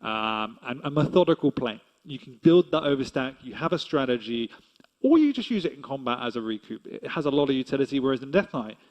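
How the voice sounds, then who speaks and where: A man's voice: medium pitch, sing-song, a little fast, low-quality recording. A man casting an esports match, analytical and chatty, laughing easily with his co-caster. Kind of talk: esports commentary.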